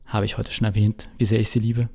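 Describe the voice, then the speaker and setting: Male pastor, wry story-sermon, gravelly voice, long reverberant echo. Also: on the low side, level tone, fast, dark tone. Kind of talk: humorous sermon told as a story.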